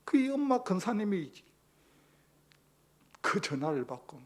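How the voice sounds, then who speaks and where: A man's voice: sits high, very animated, a little slow. A male pastor, preaching a sermon emphatically and posing rhetorical questions to the congregation.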